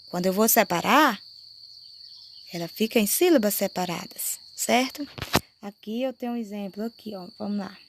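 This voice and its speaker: A Brazilian woman teacher giving a slow, explanatory lesson to fourth graders and checking often that the class follows. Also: mid-range voice, slight background noise. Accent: Brazilian Portuguese.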